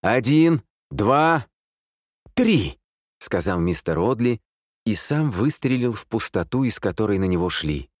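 A man narrating an audiobook thriller in a steady, suspenseful reading. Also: lowish voice, normal speed, dry recording, studio quality. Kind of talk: scripted narration.

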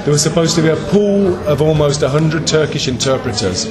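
English man, interpreter, hesitant, lots of ums, slightly high voice, crowd chatter behind. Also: expressive, fairly quick. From England. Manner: hesitant, thinking aloud with many ums. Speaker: conference interpreter. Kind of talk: group discussion.

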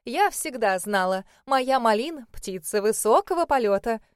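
Woman voicing a loud bustling mother-in-law. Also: a little high, expressive, normal speed, smooth, no echo, studio quality, natural voice. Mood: boisterous. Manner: loud, exclamatory, fussing.

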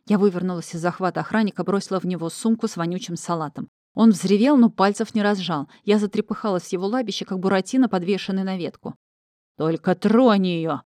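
A woman narrating a comic first-person audiobook in a lively, wry manner. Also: medium pitch, fast, hardly any pauses, dry recording, studio quality.

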